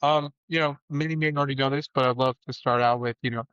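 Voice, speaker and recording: A man's voice: medium pitch, fairly even intonation, quick pace, fairly bright tone, smooth, no echo, dull audio. A man hosting a podcast interview, speaking hesitantly with many fillers. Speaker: podcast host.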